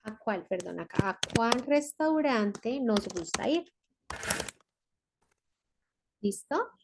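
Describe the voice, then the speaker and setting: A woman's voice: fairly high pitch, animated, noisy background. A woman teacher from Colombia, explaining a lesson step by step and often checking in with her students. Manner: slow, repeats words and checks with "¿listo?". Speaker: English teacher.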